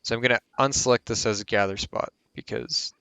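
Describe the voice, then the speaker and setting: A man's voice: mid-range voice, fairly even intonation, brisk, vocal fry, bright, forceful tone, smooth, dry recording. A man hosting a casual gameplay tutorial who rambles and corrects himself mid-sentence as he explains. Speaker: game tutorial host.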